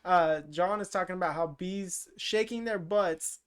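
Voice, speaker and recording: A man's voice: high voice, measured pace, smooth. A man co-hosting a podcast, recapping a movie in loose, jokey, profane chat full of "uh" and "like". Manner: rambling, filler-heavy, profane, jokey. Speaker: podcast co-host.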